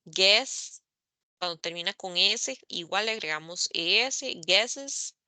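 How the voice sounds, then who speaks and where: A woman teaching English grammar in an online class, speaking slowly and carefully, spelling out letters and repeating examples. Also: medium pitch, expressive, bright, forceful tone, smooth, dry recording. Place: online meeting recording.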